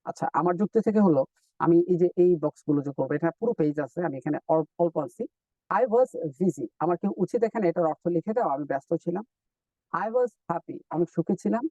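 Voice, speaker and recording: Male English teacher, high voice, distant dull mic, dry sound; patient step-by-step drills. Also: lively intonation, warm tone, no room sound. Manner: explains step by step, repeats drill words slowly. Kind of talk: live online lesson.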